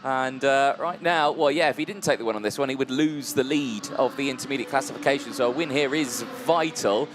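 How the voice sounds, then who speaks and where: A man's voice: mid-range voice, brisk, hardly any pauses, background noise. Man doing live motor race commentary. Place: trackside commentary box.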